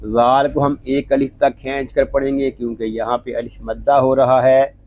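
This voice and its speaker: A man teaching Quran recitation. He spells each word letter by letter with drawn-out syllables, then explains the pronunciation rules. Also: medium pitch, flat delivery, a little mellow, no room sound. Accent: Pakistani Urdu. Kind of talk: slow word-by-word tajweed lesson.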